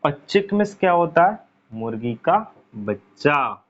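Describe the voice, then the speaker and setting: A man teaching an English pronunciation lesson, repeating words slowly as he writes them out. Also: fairly high pitch, sing-song. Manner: repeats words slowly while writing on a board, frequent 'theek hai'. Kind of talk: casual online lesson. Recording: dull lo-fi recording.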